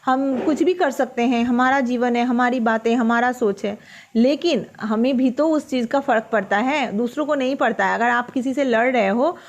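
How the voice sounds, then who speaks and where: Higher-voiced woman teacher explaining a poem. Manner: reads poem lines slowly, then explains them in plain words. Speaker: Hindi teacher. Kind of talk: explaining a poem to school students.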